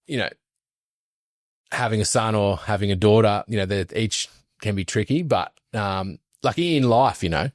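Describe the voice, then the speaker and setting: Male host, lower-pitched, affirming and relaxed interviewer; dry studio sound. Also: no room sound. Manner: encouraging, lots of quick affirmations. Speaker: podcast host. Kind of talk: casual interview.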